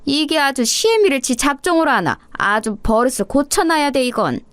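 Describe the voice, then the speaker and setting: A woman voicing a bossy older mother-in-law who yells and scolds her daughter-in-law. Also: sits high, sing-song, moderate pace, dry recording, voice pushed up. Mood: furious scolding. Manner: scolding, yelling insults.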